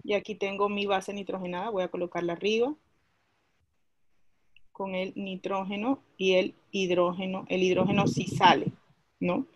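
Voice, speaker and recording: A woman's voice: medium pitch, little pitch movement, moderate pace, highs cut off, slight background noise. A woman teaching a class, explaining a chemistry lesson step by step and asking her students questions as she goes.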